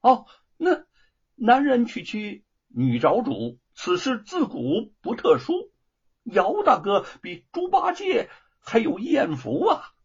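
A husky-voiced man voicing a carefree young scholar who teases his friend in a storytelling performance. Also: extremely high pitch, wildly swooping pitch, slow, voice pushed up, heavily acted. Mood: teasing. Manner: bantering, breezy, teasing. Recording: dull lo-fi recording.

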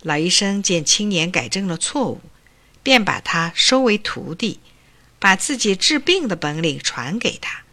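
A woman reads a children's story aloud with a bright, clear tone. She tells it slowly and expressively, her pitch rising and falling in a lively way. Her delivery is that of a steady storyteller.

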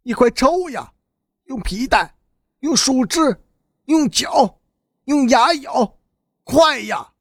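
A man's voice: very high voice, animated, a little slow, pauses often, no echo, pitched above the performer's own voice, full character voice. A male narrator voicing a battered man who urgently pleads to be beaten. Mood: urging. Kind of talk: audiobook narration.

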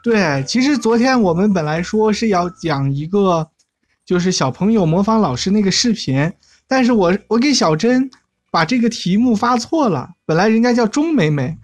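A woman's voice: medium pitch, expressive, normal speed, a little mellow. A woman hosting a live chat show in a casual, chatty and giggly way. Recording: music bed behind the voice.

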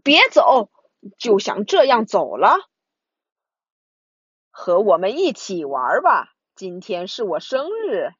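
A woman's voice: medium pitch, wildly swooping pitch, measured pace, few pauses, husky, no room sound, lo-fi sound, heavily acted. A woman voicing a playful, toothless horned monster who owns a castle, in a storybook reading. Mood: pleading.

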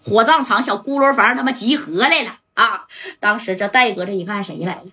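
Northeastern Chinese woman spinning a gangster tale, bright edgy voice with a husky grain, slangy asides. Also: medium pitch, a little fast. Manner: colloquial, swearing, dramatic asides to listener. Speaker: storyteller. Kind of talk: gangland storytelling with voiced characters.

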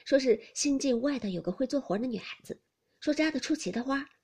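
A woman voicing a gentle, tactful young maid who coaxes and explains softly. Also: high-pitched, animated, brisk, slightly rough, voice pushed up, full character voice. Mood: coaxing.

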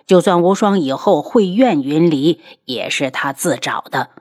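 A woman voicing a calm, protective young prince who soothes his wife in a low, measured voice. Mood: soothing.

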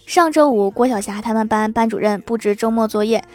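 A woman hosting a comedy podcast, reading out funny anecdotes in a lively, playful way and laughing at her own punchlines. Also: on the high side, brisk, faint music behind. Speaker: podcast host.

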